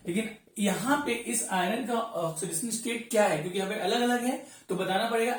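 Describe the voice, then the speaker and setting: A teacher giving a classroom chemistry lesson, calling students "beta" and often checking that they follow. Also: mid-range voice. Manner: addresses students as 'beta', often checks understanding. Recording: very echoey room, voice far from mic.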